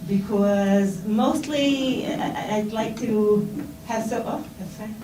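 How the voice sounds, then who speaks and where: A woman's medium-pitched voice, slow with a dark tone, belongs to a middle-aged Israeli speaker at a seminar. She talks informally to students in Hebrew-accented English, often using fillers and restarting. The audio is distant and roomy with noise.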